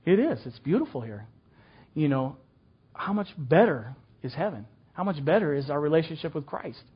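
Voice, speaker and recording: An older man leads a class for church teachers, talking in a folksy, chatty way with plenty of "um"s and restarts. His voice sits a little high for a man, and the recording sounds dull and lo-fi. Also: very animated, normal speed, slightly rough. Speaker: children's ministry teacher. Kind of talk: casual teaching talk to a class.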